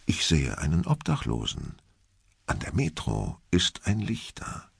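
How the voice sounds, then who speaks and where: A man voicing an excited young male trainee magician in an audiobook, eager and blurting. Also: deep voice, a little slow, gravelly, husky, no room sound, clean studio sound, heavily acted. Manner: eager, blurting, drops to a whisper.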